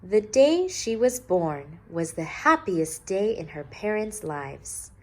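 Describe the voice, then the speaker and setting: Female teacher-storyteller for young kids: medium pitch, very lively intonation, deliberate delivery. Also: poor audio. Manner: deliberate, emphatic. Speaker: teacher reading to young pupils. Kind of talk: expressive children's storybook narration.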